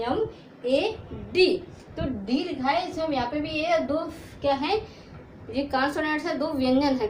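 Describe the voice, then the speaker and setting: Teaching English phonics in Hindi at a whiteboard, this channel host has a high, darkish-toned voice. She quizzes herself, supplies the answers, and pronounces letters individually. The audio is poor and reverberant, with a little hiss or hum.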